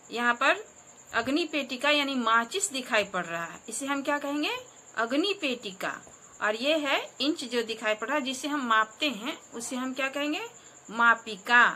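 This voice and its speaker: A woman Sanskrit teacher giving a school lesson, dictating words slowly and clearly and pausing for pupils to repeat. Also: fairly high pitch, bright, forceful tone, slight background noise.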